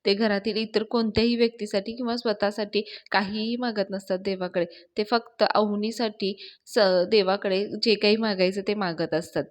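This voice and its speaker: A woman's voice: medium pitch, steady tone, normal speed. A woman reviewing a TV serial episode, retelling the scenes in a casual storytelling way and addressing her listeners directly.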